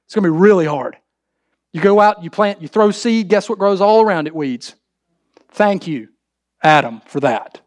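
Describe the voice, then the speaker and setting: A man's voice: high voice, expressive, moderate pace, no echo, studio quality. A man preaching a sermon as pastor, emphatic, asking his congregation rhetorical questions and addressing the men directly.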